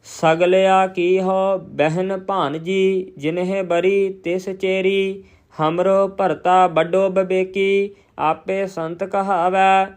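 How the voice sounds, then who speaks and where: A man teaching scripture recitation, chanting verses slowly and evenly, then explaining pronunciation points more quickly. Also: high-pitched, smooth.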